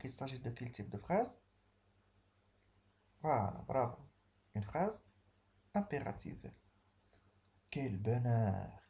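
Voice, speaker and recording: A male teacher walks pupils through a grammar lesson, saying each key point twice. His voice is mellow and warm, with a middle pitch. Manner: patient, repeats each key phrase.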